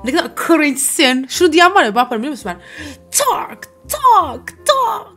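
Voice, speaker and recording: A woman's voice: high-pitched, big pitch swings, moderate pace, a bit bright, soft background music. A woman streamer giving casual, teasing commentary over a role-play game, often breaking into giggles. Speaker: gaming streamer.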